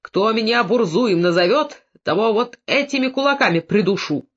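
A man reading an audiobook, voicing a huge, strong male Cossack who lisps and makes slow threats. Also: very high-pitched, pitched above the performer's own voice. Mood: menacing. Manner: threatening, lisping. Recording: dull lo-fi recording.

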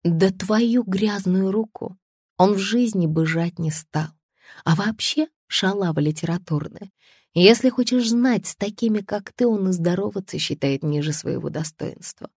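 A woman reading an audiobook, voicing a quiet, cultured young woman who turns blunt and cutting. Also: mid-range voice, a little slow, breathy edge, no room sound, studio quality. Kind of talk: audiobook character voice.

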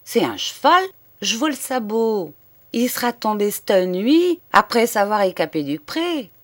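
A gruff, blunt old ex-soldier farmhand, put on by a woman reading a storybook. He barks his words loudly in a voice pitched well up from hers. There is no room sound around him. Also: sing-song, unhurried, no room sound. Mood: excited. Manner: loud, blunt exclamations.

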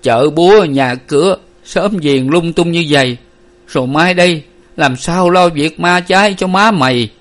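A man's voice: on the high side, moderate pace, voice pushed up. A man playing a grief-stricken older father in a storybook reading, choked and lamenting. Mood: mournful lament.

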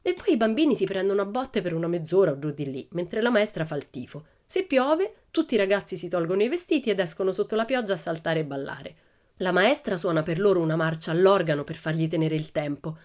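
A woman reading aloud who voices a cheeky, boastful little girl spinning tall tales in a playful, bright way. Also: lowish voice, animated, quick pace, close to an everyday voice. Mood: playful boasting.

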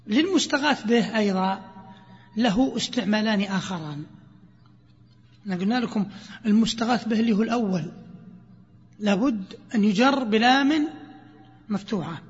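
A man teaching a grammar lesson, questioning his students and reciting verses slowly. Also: high-pitched. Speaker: sheikh teaching Arabic grammar. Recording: dull lo-fi sound, long hall reverb.

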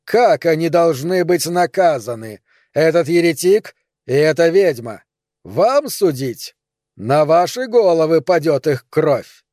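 A man voicing a cruel, mocking male witch-hunter in an audiobook, speaking slowly with a sneer. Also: expressive, no echo, clean studio sound. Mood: shrill commanding. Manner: slow, sneering, shrill when shouting. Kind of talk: audiobook character reading.

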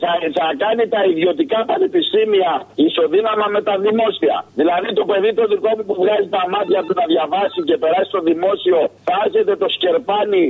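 A man's voice: sits high, expressive. A man in satirical radio banter, ranting indignantly. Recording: tinny phone-like line.

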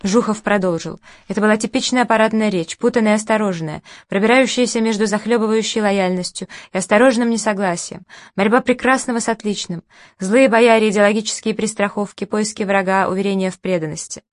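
A woman narrating an audiobook in an ironic, even storytelling manner. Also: medium pitch, fairly quick, no echo, studio quality.

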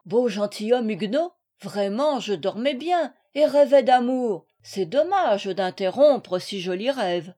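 A jovial, swaggering knight speaks with hearty mock gallantry, as a woman reads him aloud. He is bold and easygoing, in a storybook voice that sits a touch high. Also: dark tone.

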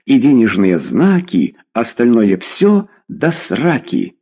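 A man's voice: mid-range voice, huge pitch swings, slow, mellow, slightly rough, heavily acted. A man reading aloud, voicing an irrepressible colleague who recites crude rhymes with sly cheer. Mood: jaunty. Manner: jaunty, sly. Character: cheerful older man, crude rhyming jester.

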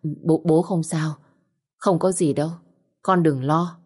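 A woman voicing a frail, sick older father who speaks slowly and hesitantly to reassure his daughter. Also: deep voice, fairly even intonation, darkish tone.

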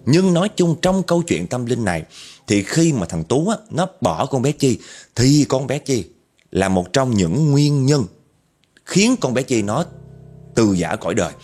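Husky male storyteller. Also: mid-range voice, very animated, measured pace, darkish tone. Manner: chatty, addressing listeners directly. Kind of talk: spoken ghost-story narration.

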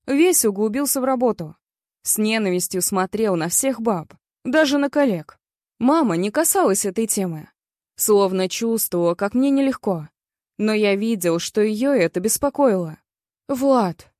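A woman's voice: mid-range voice, lively intonation, moderate pace, a little mellow, dry recording, clean studio sound. Woman reading a blunt, bitter story. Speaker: audiobook reader. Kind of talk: first-person story narration.

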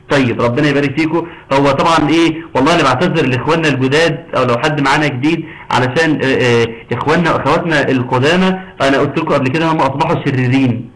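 A man's voice: medium pitch, fairly bright tone, rough recording. A man with an Egyptian Arabic accent teaching a Quran recitation lesson, quizzing students and encouraging them with frequent pious phrases. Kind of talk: online Quran tajweed lesson.

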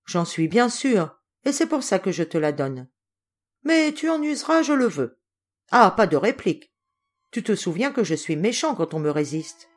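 A woman voicing an affectionate, gruff old Russian general in an audiobook, in a hearty, animated way. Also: mid-range voice, moderate pace. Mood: fond, hearty.

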